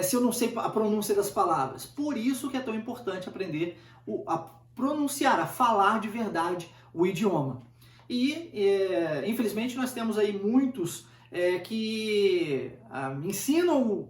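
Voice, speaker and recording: A man giving an informal English lesson, talking conversationally, repeating points and checking in with rhetorical questions. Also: high-pitched. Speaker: English teacher. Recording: roomy, distant from the mic.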